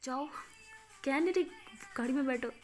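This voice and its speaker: Naive sweet young woman, easygoing and apologetic, a woman reading the part, highish voice. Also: normal speed, lightly acted. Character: clumsy, naive, good-natured young woman, Alia.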